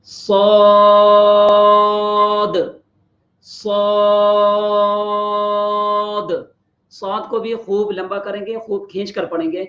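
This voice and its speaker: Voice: mid-range voice, steady tone. Teacher drawing out letters in a roomy, dull recording. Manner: patient explaining, drawing out each letter slowly to demonstrate. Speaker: tajweed teacher. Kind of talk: Quran pronunciation lesson.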